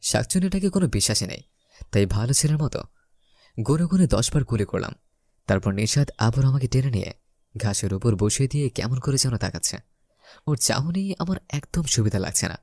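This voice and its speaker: A male story narrator reads a scripted romantic tale in the first person, acting out the dialogue. His medium-pitched voice is a little mellow, animated and a little fast, with a dry, echo-free sound.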